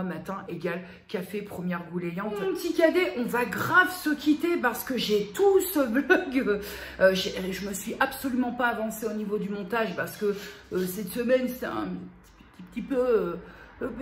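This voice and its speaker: A woman's voice: mid-range voice, slight background noise. Chatty woman in an echoey room. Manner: chatty, reads labels aloud with fillers. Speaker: vlogger. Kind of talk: casual vlog unboxing.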